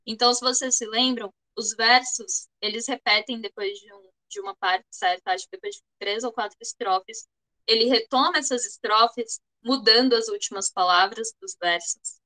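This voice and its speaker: A woman's voice: on the high side, normal speed, pushed and bright, rough recording. A woman with a Brazilian Portuguese accent teaching an online class, explaining step by step and often checking that students follow.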